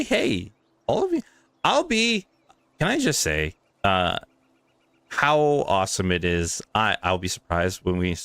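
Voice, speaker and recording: A man with a smooth, fairly low voice signs off a live tabletop game stream as its game master. He talks in a rambling, grateful way, often restarting his sentences. His voice sits close and dry on the mic. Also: a bit bright, no room sound.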